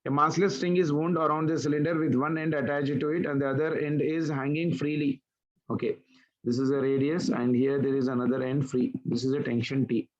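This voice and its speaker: A man's voice: on the high side, fairly even intonation, fairly quick, highs cut off. A man teaching physics in an online class, working through problems step by step and asking students for answers. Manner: talks students through steps, asks questions back. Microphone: online class call.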